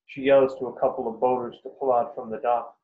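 A man reads his own short story aloud in a measured, unhurried voice. The recording sounds roomy, with a slightly dull, lo-fi tone. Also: mid-range voice, flat delivery, a little hiss or hum. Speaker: author reading his story. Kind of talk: first-person story reading.

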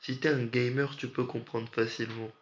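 A man's voice: mid-range voice, flat delivery, moderate pace. A young man from France, sleep-deprived, chatting with viewers on a late-night stream in a rambling, slangy way. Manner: rambling, slangy, talks straight to chat. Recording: muffled lo-fi audio with faint hiss.

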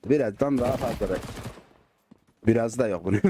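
A man doing casual gameplay commentary, excitable and swearing when the game frustrates him, slipping into dialect when angry. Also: mid-range voice, brisk, a little hiss or hum. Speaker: gaming YouTuber. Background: faint game gunfire.

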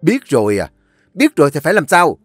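A man's voice: on the high side, huge pitch swings, fairly quick, slightly rough, dry recording, faint music behind, pitched above the performer's own voice, exaggerated voice. A cold young master of a rich house barks curt commands in this audio story, as a man plays him. He speaks in a dry, close recording. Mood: commanding.

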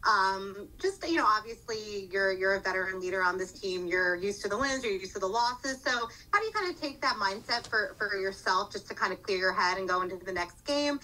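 A woman's voice: mid-range voice, animated, fairly quick, few pauses, sharp tone, rough recording. A woman reporter asking a question at a press conference, hedging with "kinda" and "you know". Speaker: sports reporter.

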